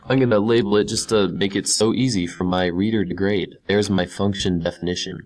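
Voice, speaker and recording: Deep and darkish, this man's voice stays fairly even in intonation and runs a little fast. A computer science teacher, he casually talks through each step of a screen-recorded tutorial, repeating key words for emphasis.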